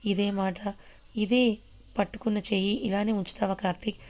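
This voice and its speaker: A woman's voice: medium pitch, fairly even intonation, moderate pace, a little mellow, natural voice. A woman voicing a stern, protective older brother in a storybook reading.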